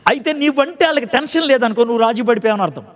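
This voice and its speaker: A man's voice: extremely high pitch, animated, very fast, fairly bright tone, big-room sound. A man pastor preaching a sermon in a conversational way, acting out scripture dialogues and quizzing his congregation. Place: church.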